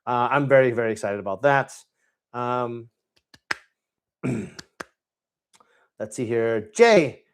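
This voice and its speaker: Guy hosting a live q&a stream, super excited, rambles and backtracks a lot, mid pitch. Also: takes it slowly, pauses often, slight background noise. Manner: enthusiastic, rambling, with self-corrections. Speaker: host. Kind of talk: casual live-stream Q&A chat.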